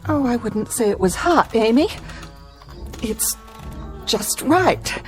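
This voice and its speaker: In a radio drama, an actress plays an anxious small-town mother, using a fairly high-pitched, expressive voice at a slow pace over soft background music. Folksy and insistent, she pleads and keeps repeating reassurances, forcing cheerfulness out of fear.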